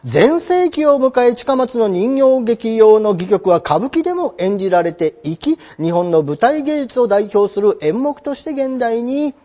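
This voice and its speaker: A man with a very high voice gives a textbook lesson, his pitch leaping all over as he poses questions and answers them himself. The sound is dull and lo-fi. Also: animated, mellow. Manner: acts out quick imagined exchanges with questions and answers. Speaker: teacher. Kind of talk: textbook lecture.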